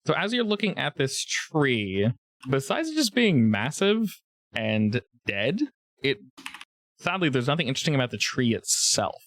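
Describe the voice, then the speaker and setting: A man's voice: mid-range voice, a little slow, no room sound. A man narrating a tabletop game as its game master. His voice swings up and down with lots of life, and the sound is dry and close. He laughs easily as he describes what the players find. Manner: animated, laughs often.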